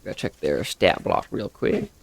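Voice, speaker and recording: A man's voice: on the low side, wildly swooping pitch, moderate pace, gravelly, echoey room. A man improvising narration and calling for rolls as the game master of a tabletop fantasy game.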